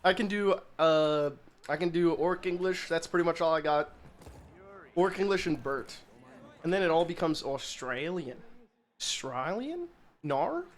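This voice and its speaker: A man streaming from home, chatting casually and jokingly while gaming, rambling between topics and breaking into loud bursts when reading donations. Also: on the high side. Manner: joking, rambling, quick to laugh.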